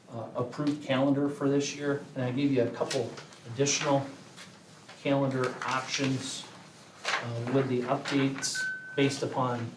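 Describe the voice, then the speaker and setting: A man gives a measured meeting report to a school board, with frequent filler pauses. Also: medium pitch, noisy background. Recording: echoey meeting room, voice from far off.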